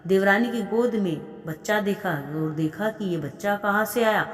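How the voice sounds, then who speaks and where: A woman's voice: medium pitch, unhurried. A woman narrating a devotional folk tale and acting out the characters' lines with feeling. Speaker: storyteller. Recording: echoey room with long reverb.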